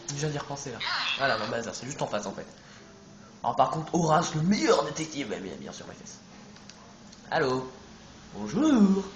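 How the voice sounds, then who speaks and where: A man's voice: on the high side, fairly bright tone, slight background noise. A man giving casual, rambling commentary over his video game play, swearing now and then. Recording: echoey room, game music behind.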